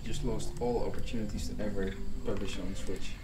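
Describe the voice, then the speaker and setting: A man's voice: lowish voice, steady tone, a little fast, mellow, a little hiss or hum, low-quality recording. A man co-hosting a live stream, tossing in dry, wry quips from farther off the microphone. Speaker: co-host on a developer stream. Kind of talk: casual live-stream banter.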